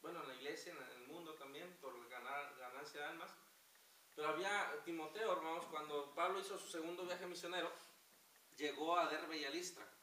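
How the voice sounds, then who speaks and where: Fervent preacher in an echoey church. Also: male voice, a little high, fairly quick, pushed and bright. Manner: fervent, addresses congregation as brothers. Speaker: pastor. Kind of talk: sermon. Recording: echoey hall from far off, hiss.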